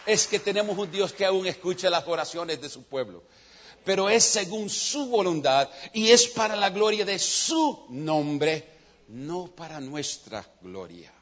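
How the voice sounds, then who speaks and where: A man preaches, telling stories with lively character voices. His voice is high and husky. The recording sounds dull and lo-fi. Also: measured pace, a faint crowd. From United States. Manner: animated storyteller, changes voice for characters. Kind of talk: sermon with storytelling.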